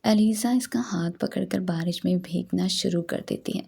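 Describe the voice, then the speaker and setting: A woman narrating a romance novel as an audiobook in a steady storytelling read. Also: lowish voice, moderate pace, creaky, slightly rough.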